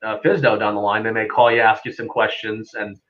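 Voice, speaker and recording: Fairly low and fairly bright, his voice barely moves in pitch while he talks fairly quickly, and the highs are cut off. The man is an air traffic controller guesting on a live stream, relaxed and conversational as he explains things with anecdotes.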